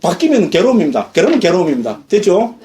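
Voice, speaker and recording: Monk, middle-aged man, high voice, mellow tone, lively lecture style. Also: quick pace. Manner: lively, questions the audience often. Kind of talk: dharma lecture. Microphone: lecture recording.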